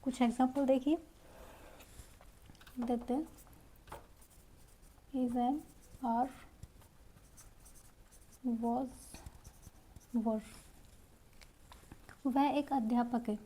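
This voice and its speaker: A woman's voice: a little high, fairly even intonation, extremely slow, long pauses, mellow, a little hiss or hum. A woman teaching English grammar in Hindi, explaining step by step and repeating each example in both languages. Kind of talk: Hindi-medium grammar lesson.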